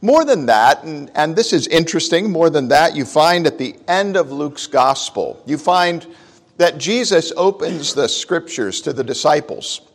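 A man preaching a sermon and leading prayer at a pulpit microphone, speaking in an unhurried, conversational way with frequent fillers. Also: fairly high pitch, animated. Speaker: pastor. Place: church sanctuary. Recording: long church reverb.

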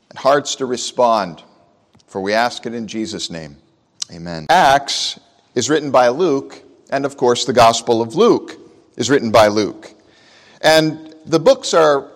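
A man preaching a sermon and leading prayer at a pulpit microphone, speaking in an unhurried, conversational way with frequent fillers. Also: mid-range voice. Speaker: pastor. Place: church sanctuary. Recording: long church reverb.

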